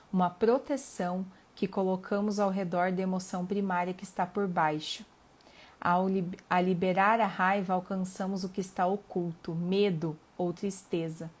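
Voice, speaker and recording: A middle-aged woman with a Brazilian accent, hosting a reflective live talk on emotions and reading passages aloud in a calm, earnest way. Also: fairly low pitch. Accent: Brazilian Portuguese. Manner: calm and earnest, pausing with fillers, asking the listener questions.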